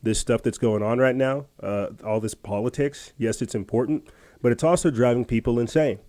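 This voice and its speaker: A man's voice: medium pitch, moderate pace, dark tone. A man hosting a podcast, telling a casual story in a rambling, chatty way with lots of fillers and restarts. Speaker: podcast host.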